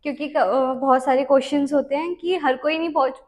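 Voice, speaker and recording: A woman with a notably high voice hosts a casual podcast interview. She nudges her guest along, often completing her sentences, and mixes English words into her Hindi. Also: steady tone, brisk, darkish tone.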